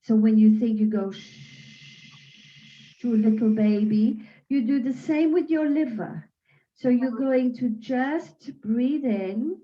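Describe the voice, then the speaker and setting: A woman teaching qi gong at home, guiding a breathing session in a gentle, soothing, unhurried way. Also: on the high side, lo-fi sound.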